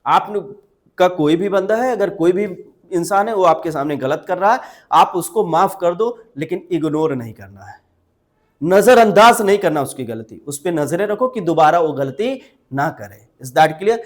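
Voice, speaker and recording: A man teaching English phrases, explaining in Hindi, asking the listeners questions and repeating each English phrase slowly. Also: high-pitched, expressive. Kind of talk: spoken English lesson.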